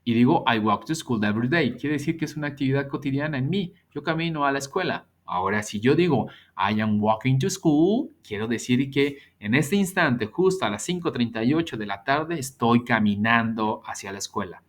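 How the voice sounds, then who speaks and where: A man's voice: mid-range voice, lively intonation. Patient male teacher explaining grammar. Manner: patient, explanatory, repeats examples slowly. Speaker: English teacher. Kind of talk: recorded grammar lesson.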